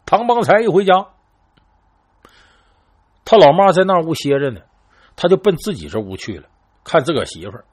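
A man telling an old crime story in a chatty, lively way, talking straight to his listeners and acting out the quoted lines. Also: a little high, normal speed, pauses often, slightly rough. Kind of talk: casual spoken storytelling.

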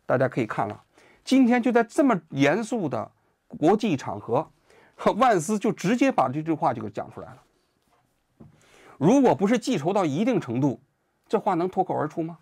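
Male commentary host, lively rhetorical delivery, husky tone, dry close-mic sound. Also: on the high side, moderate pace, dry recording. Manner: animated, full of rhetorical questions. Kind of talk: casual commentary monologue.

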